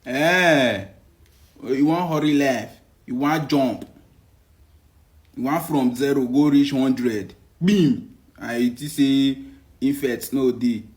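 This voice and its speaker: A man's voice: mid-range voice, slow, long pauses. A man giving laughing, mocking commentary in pidgin. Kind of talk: reaction commentary.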